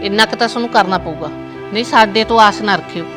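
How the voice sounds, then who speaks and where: A woman's voice: mid-range voice, fast, over music, lightly acted. A woman playing a greedy middle-aged mother of the groom, blunt and haughty. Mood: demanding.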